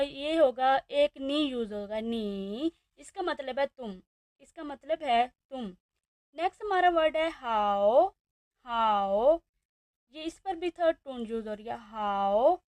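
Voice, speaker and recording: Woman teacher with a pakistani urdu accent, high voice, dry close sound, says each word slow and over and over. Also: a little mellow, no room sound. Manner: slow, repeats each word several times. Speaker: Chinese language teacher. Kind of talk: beginner language lesson.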